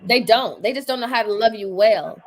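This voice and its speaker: A woman's voice: fairly high pitch, moderate pace, slight background noise, rough recording. A woman hosting an online gathering, talking casually and emphatically with joking asides. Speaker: host. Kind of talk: casual talk to a live online audience.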